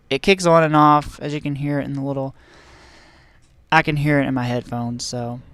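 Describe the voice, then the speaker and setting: This man has a medium-pitched voice that is fairly bright, clear and resonant. He streams a park-building game from a home room with a heater, talking casually through a headset. His chatter rambles, full of fillers and restarts.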